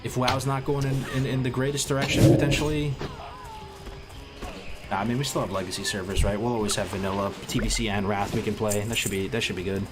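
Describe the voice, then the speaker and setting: A man with a fairly low voice speaks fast while casually chatting with his stream viewers. He sounds congested and sniffly with a cold, rambling and restarting sentences in gamer slang, with music playing clearly behind him.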